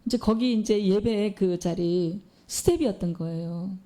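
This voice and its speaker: A woman's voice: mid-range voice, measured pace, mellow. A woman preacher giving a sermon in a church, telling a story and posing questions to the congregation.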